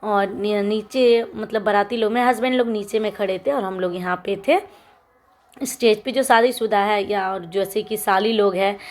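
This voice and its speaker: A young woman talks over her own wedding footage in a relaxed, chatty way. She laughs lightly as she walks through each custom, like she is telling a friend. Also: medium pitch, normal speed. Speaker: vlogger. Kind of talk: casual vlog voice-over.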